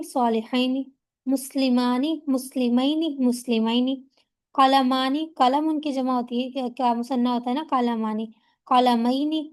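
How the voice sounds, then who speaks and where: Woman teacher, young adult, high voice, patient classroom lecture, checks understanding, drawls out example words slowly. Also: darkish tone. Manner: explains patiently, often checks understanding with a rhetorical question; slows down to spell out example words syllable by syllable.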